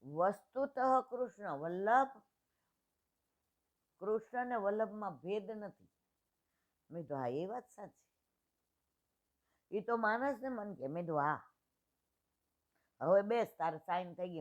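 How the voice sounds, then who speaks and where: A woman's voice: mid-range voice, expressive, measured pace, pauses often. Woman in her sixties on a tinny line. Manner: retells dialogues in plain homely speech. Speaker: satsang speaker. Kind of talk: devotional storytelling talk.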